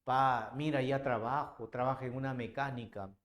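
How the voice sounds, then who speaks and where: A man voicing a poor young mechanic's helper, a humble son pleading softly with his father. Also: mid-range voice, steady tone, normal speed, roomy sound, close to an everyday voice.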